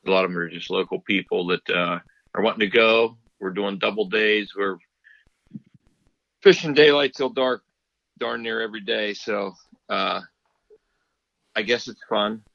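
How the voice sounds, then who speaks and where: Low, gravelly man on speakerphone. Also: unhurried, long pauses, fairly bright tone, no echo. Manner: easygoing, folksy, laughs often. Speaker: fishing guide. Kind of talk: casual podcast chat. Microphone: phone on speaker. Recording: dull speakerphone line.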